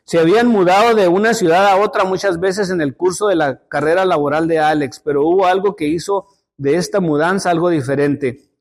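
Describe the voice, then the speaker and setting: A man with a high voice teaches a Sunday school lesson. He tells stories in an unpolished way, often repeating words and restarting phrases, and calls his listeners brothers. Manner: storytelling, addresses listeners as brothers.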